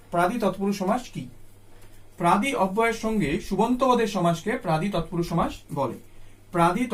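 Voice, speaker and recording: A man teaching a grammar lesson to students, patiently repeating each term slowly. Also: high-pitched. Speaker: Sanskrit teacher.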